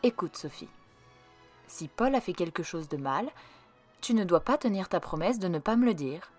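A woman voicing a gentle but firm mother who talks soothingly and moralizes. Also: fairly low pitch, expressive, moderate pace, soft background music.

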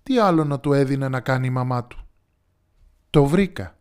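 A man hosting a storytelling podcast, reading a fairy tale in a calm, measured way. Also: medium pitch, smooth. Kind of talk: scripted storybook narration.

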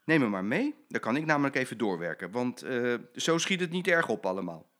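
A man's voice: medium pitch, sing-song, brisk, fairly bright tone. A grandfather doing a jovial joking dad. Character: cheerful joking father, a bit clumsy. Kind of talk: children's story reading.

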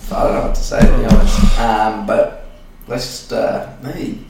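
A man's voice: fairly low pitch, fairly even intonation, moderate pace, creaky, darkish tone, echoey room, a little hiss or hum, rough recording. A man in his twenties with an Australian accent, co-hosting a casual podcast and rambling with fillers and swearing, recorded in an apartment. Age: 20s. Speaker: podcast co-host. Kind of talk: casual chat.

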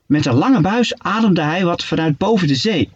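A man reading a children's story aloud in an animated, playful way. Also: high-pitched, moderate pace, husky. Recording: dull lo-fi recording.

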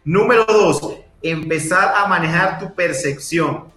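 A man speaking as a guest, giving a direct, emphatic motivational talk with lively examples. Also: a little high, a little slow, roomy sound.

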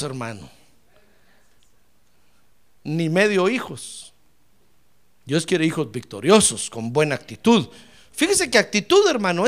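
Man, pastor, bright tense voice, fervent sermon, loud exclamations and quiet asides. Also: sits high. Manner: repeatedly addresses listeners as "hermano".

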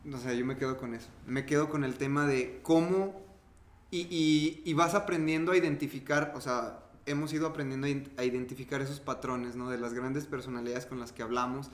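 A man's voice: mid-range voice, fairly even intonation, a little fast, echoey room. A man with a Mexican accent co-hosting a casual podcast, talking animatedly and acting out other people's reactions. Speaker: podcast co-host.

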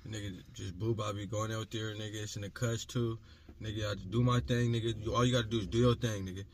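A man rattles off emphatic, slang-heavy advice at a quick clip, his voice sitting somewhat low. Clear background noise stays under his speech throughout. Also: level tone, darkish tone. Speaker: rapper guest. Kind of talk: casual interview.

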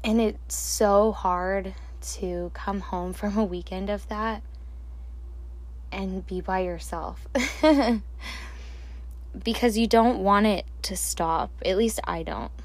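Alone at night, a woman hosts a solo reflective podcast, speaking slowly and calmly into a handheld or desk microphone. Her medium-pitched voice is soft and soothing, with occasional quiet laughs.

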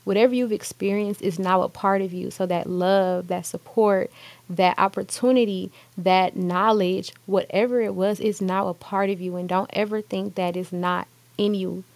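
A woman's voice: mid-range voice, steady tone, normal speed, a little mellow, dry recording. A young woman hosting a podcast, giving a casual, earnest motivational talk and acting out quoted thoughts. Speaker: podcast host.

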